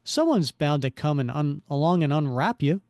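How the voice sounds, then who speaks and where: A man's voice: on the high side, sing-song, normal speed, darkish tone, no echo, clean studio sound. A man voicing a wisecracking young male superhero, with a sardonic, joking inner monologue.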